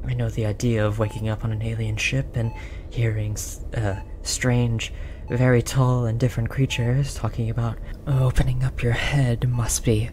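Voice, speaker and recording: Flustered and apologetic, the tall alien researcher soothes an abducted captive in this roleplay audio drama, speaking softly, hesitantly and earnestly. The performer's mid-range voice stays level at normal speed with hardly any pauses, close to an everyday voice. A monitor beeps amid audible background noise.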